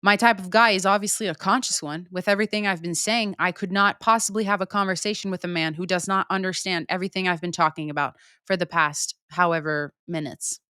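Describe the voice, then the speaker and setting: A woman's voice: on the low side, steady tone, a little fast, few pauses, pushed and bright, clean tone, no room sound, studio quality. A young woman speaking in a casual, candid monologue as a podcast host, unfiltered and swearing casually. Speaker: podcast host answering listener questions.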